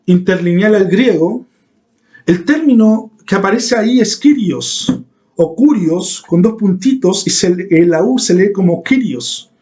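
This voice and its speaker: A man's voice: sits high, dark tone. A male pastor preaching a sermon in a church, emphatic and repeating key phrases for weight.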